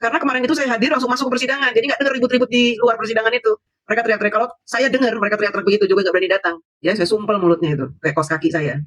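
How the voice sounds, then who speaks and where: Fast, high-voiced man ranting scornfully. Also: fairly even intonation, fairly bright tone, a little hiss or hum. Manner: mocking, insulting, heated; laughs scornfully. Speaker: political commentator. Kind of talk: angry political vlog rant.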